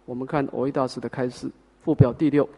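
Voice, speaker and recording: A man's voice: medium pitch, fairly even intonation, fast, dark tone, husky. A man teaching a Buddhist sutra, explaining each point step by step and answering his own questions. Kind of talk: sutra lecture.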